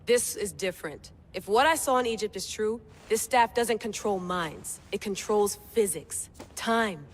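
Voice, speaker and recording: A medium-pitched, slightly slow voice close to everyday speech plays a wry, driven woman scientist leading a cell, obsessed with an artifact and ignoring warnings to continue her research. It's game cutscene acting recorded in a long-reverb room with faint noise.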